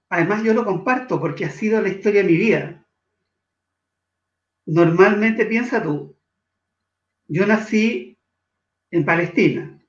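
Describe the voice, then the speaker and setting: A man from Chile, a guest in an interview, speaking in an earnest, measured way that slows for emphasis. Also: high-pitched, roomy sound, dull audio. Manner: earnest, measured, shifts between slow emphasis and quick asides. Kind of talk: reflective interview talk.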